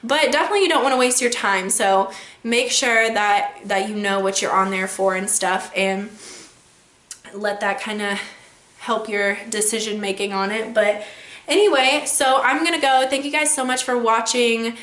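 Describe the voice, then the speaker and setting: A woman's voice: a little high, normal speed, a bit bright. Young woman, casual vlog advice, rambling, filler-heavy, echoey room. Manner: chatty, rambling, many fillers. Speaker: vlogger.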